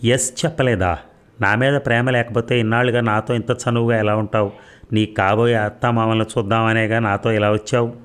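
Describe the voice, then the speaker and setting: A man's voice: fairly low pitch, level tone, a little fast, clean tone, natural voice. A man reading a teasing young lover. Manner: playful, coaxing.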